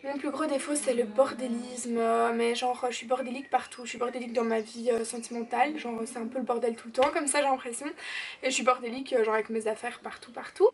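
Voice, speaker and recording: Bubbly high-voiced teen girl. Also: steady tone, quick pace. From Belgium. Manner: chatty and bubbly, lots of fillers and "genre". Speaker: YouTuber answering viewer questions. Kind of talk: casual Q&A vlog. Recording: slightly distant mic, faint background noise.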